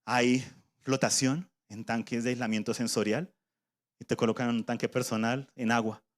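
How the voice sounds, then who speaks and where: A man's voice: medium pitch, level tone, normal speed. A man preaching a sermon in a conversational way, voicing imagined objections from his listeners.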